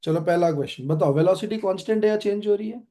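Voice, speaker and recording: Indian man teaching physics, mellow voice. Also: high voice, fast talker. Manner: quizzing students, mixing Hindi and English. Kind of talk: online class lecture.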